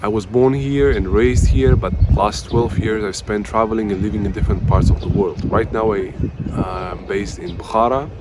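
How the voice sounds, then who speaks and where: Telling a personal story to camera in a very noisy recording, this Uzbek language teacher and channel host, a native Russian speaker, speaks at normal speed with few pauses. His fairly low voice stays steady, though he hesitates and fills and restarts often.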